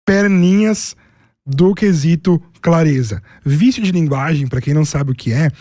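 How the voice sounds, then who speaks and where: A Brazilian man with a slightly raised, mellow voice lays out his advice in orderly steps and lists. He speaks as a public speaking coach, recorded dry and close. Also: on the high side, measured pace, no echo. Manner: methodical, explains in numbered steps and lists. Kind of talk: didactic interview explanation.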